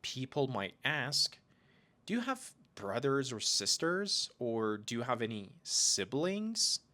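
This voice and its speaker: A man's voice: mid-range voice, sing-song, sharp tone. A man hosting an English-learning podcast, reading a scripted lesson and carefully drawing out example phrases. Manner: slow, careful delivery with drawn-out example phrases. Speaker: English teacher, podcast host.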